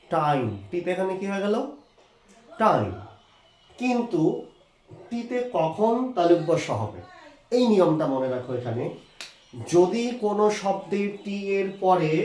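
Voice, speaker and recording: A man's voice: on the high side, darkish tone. A man teaching English pronunciation, patiently asking questions and answering them himself while explaining rules to students. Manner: patient, repeats points, asks and answers own questions. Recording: echoey room.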